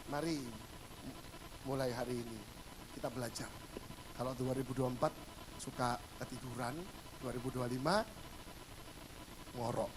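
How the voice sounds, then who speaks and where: A male pastor giving a humorous sermon, telling stories and acting out the dialogue, swinging between loud bursts and hushed asides. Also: mid-range voice, steady tone, normal speed, long pauses, background noise.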